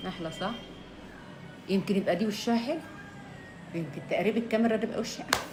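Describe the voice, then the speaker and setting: A woman's voice: mid-range voice, rapid-fire, noisy background. A woman with an Egyptian Arabic accent chatting casually on a live stream, reading out viewers' names and teasing them playfully.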